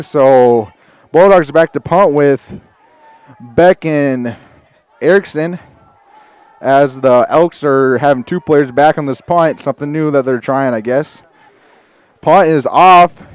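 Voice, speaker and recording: Casting: male local sports announcer, out of breath, crisp slightly high voice, live play-by-play. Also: takes it slowly, no echo. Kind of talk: live high school football commentary.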